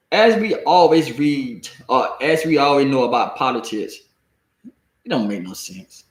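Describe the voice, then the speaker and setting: An American man with a deep Southern accent, reading and commenting casually on the news in a halting, folksy, colloquial way. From United States. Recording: echoey room.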